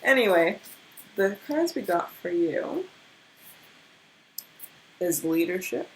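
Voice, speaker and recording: A young woman with a slight stutter talks through a tarot card reading in a casual, rambling way. Her voice sits a bit low and sounds tired from lack of sleep. There is a faint hiss behind her. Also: very animated, takes it slowly, low-quality recording. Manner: stutters, with many restarts. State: tired from little sleep, yawning. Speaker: tarot reader.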